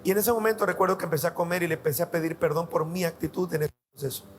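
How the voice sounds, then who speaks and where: High-voiced pastor telling testimonies. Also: male voice, fairly even intonation, very fast, faint music behind. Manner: earnest storytelling, addresses listeners as "amado". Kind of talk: sermon with personal testimony.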